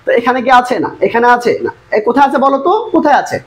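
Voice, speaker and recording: A woman's voice: fairly high pitch, low-quality recording. A woman English tutor teaching an exam-prep lesson, coaxing the students to look and follow along. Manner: fast, coaxing, repeatedly urging students to look.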